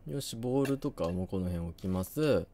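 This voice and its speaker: A man's voice: low-pitched, expressive, moderate pace, mellow, slight background noise. A young man giving casual game commentary, thinking aloud and often hesitating. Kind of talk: casual let's play commentary.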